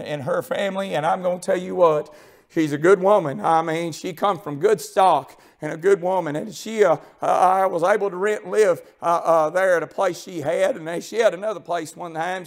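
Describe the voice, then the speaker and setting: A man preaching a sermon in a church, swinging from shouted, tearful peaks to a low, confiding storytelling tone with plenty of fillers. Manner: rises into shouted, tearful crescendos, then drops to a low confiding tone; homespun storytelling with many fillers. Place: church sanctuary.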